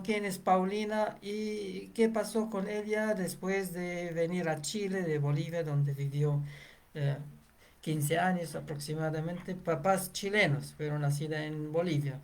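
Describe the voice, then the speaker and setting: A woman hosting a casual interview, speaking slowly with many hesitations and fillers. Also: fairly low pitch. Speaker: interview host.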